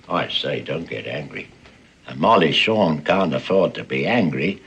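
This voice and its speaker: A gruff old sea dog in a period western, low and gravelly with a forceful edge. He coaxes slyly, with menace under the folksy talk. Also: a little hiss or hum, heavily acted. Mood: sly, teasing. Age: older. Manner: gruff old seaman's folksy, sly coaxing. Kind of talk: period western screen acting.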